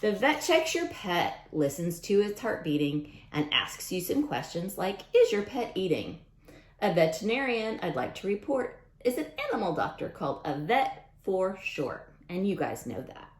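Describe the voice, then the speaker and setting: A woman reads a picture book expressively to young kids, chatting directly with them in asides. Her pitch is fairly low, and the recording has an echoey room sound.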